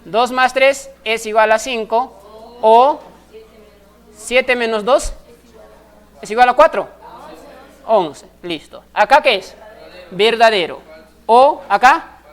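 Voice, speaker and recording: A woman's voice: a little high, takes it slowly, pauses often. Woman teaching, constantly checking in. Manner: explains step by step, constantly checking in with short questions. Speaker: math teacher. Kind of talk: recorded class lecture.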